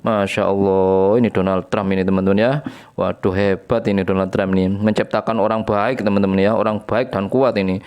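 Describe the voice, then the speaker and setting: A man's voice: on the low side, level tone, fairly quick, a little mellow, clean tone. A man hosting a reaction channel, chatting casually and sarcastically to his viewers, often chuckling. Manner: chuckling, sarcastic, keeps addressing viewers as friends.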